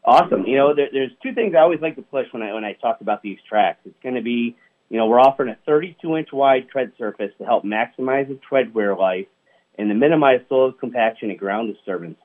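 Over the phone, this male product manager guest keeps things upbeat and fills gaps with "you know." He speaks at a quick pace with a medium-pitched voice, and the line sounds tinny.

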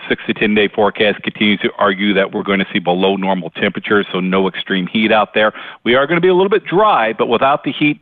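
Male analyst phoning in, low voice, tinny phone sound, measured and matter-of-fact. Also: no echo. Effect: over the phone. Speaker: market analyst. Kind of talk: market commentary. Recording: tinny dry phone line.

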